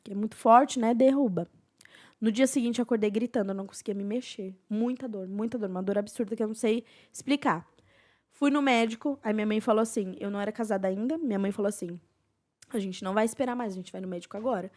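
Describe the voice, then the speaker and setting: A young woman, a podcast guest telling a personal testimony in an earnest, emotional way with soft, hushed passages. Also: medium pitch, fast.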